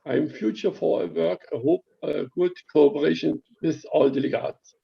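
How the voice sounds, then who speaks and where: A German man in his sixties speaking careful, halting English on a video call. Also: on the high side, gravelly, slightly rough. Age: 60s. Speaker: chess federation president. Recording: dull lo-fi call audio.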